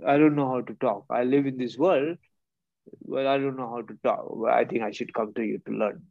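A man's voice: mid-range voice, fairly even intonation, moderate pace, creaky, dry recording. Blunt man telling a story, laughing. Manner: blunt, laughing, acts out both sides of an argument. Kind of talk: casual storytelling. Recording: dull lo-fi close recording.

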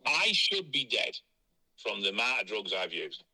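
A man's voice: on the low side, sing-song, normal speed, sharp tone, husky. A man speaking bluntly and frankly as an interviewee, heard over a phone line. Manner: blunt, frank and matter-of-fact.

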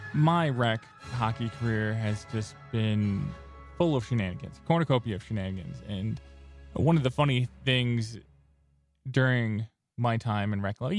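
A man's voice: mid-range voice, creaky. A man hosting a podcast, telling rambling, joking stories in a casual chat. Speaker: podcast host.

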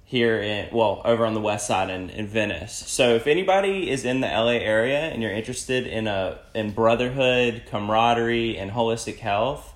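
A laid-back young man chats easily, dropping "man" and "bro" as he goes. His voice sits somewhat low. The sound is roomy and echoey. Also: normal speed, hardly any pauses. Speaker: podcast co-host. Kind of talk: casual chat. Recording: echoey room.

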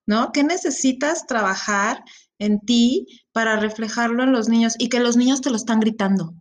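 Lively Mexican woman telling stories. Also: on the high side, normal speed. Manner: animated storyteller. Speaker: podcast co-host. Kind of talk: casual panel chat.

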